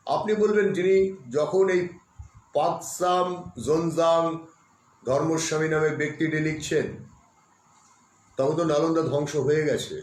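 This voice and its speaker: A man's voice: medium pitch, a little mellow, a little hiss or hum. A man presenting a history talk on a live stream, who keeps asking his viewers rhetorical questions and stresses key words. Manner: emphatic, spells out terms letter by letter. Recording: echoey room.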